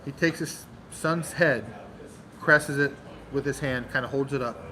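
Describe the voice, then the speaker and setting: A man hosting a channel, telling a long joke in casual storytelling style, animated and full of dramatic pauses. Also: medium pitch, poor audio. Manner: animated, dramatic pauses, acts out crowd voices. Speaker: channel host.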